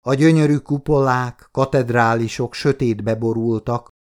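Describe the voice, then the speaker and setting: A male audiobook narrator reads a novel aloud in a steady, measured way. His voice sits in the mid-range, and the narration is scripted.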